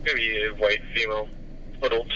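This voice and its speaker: A man talks over a police radio, clipped and matter-of-fact with halting fillers. His low voice has a sharp, bright edge. The transmission is muffled and dull, with a faint hiss under it. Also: level tone. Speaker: police officer. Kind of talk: radio traffic.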